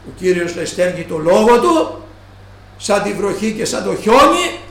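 Male preacher, high voice with a wide, lively range, slows to quote scripture. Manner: slow, stressed quoting of scripture. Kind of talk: sermon. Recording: echoey room.

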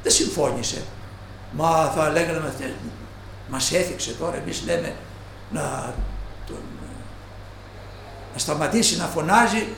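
A man preaching a sermon who slows down and stresses each quoted line of scripture. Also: sits high, fairly bright tone, a little hiss or hum. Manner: slow, stressed quoting of scripture. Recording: echoey room.

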